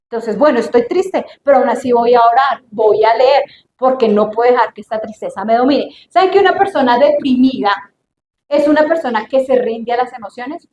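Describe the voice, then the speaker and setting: A woman preaching a sermon in an animated way, asking her listeners questions and acting out the voices of the people she quotes. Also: fairly high pitch, normal speed, roomy sound, a little hiss or hum.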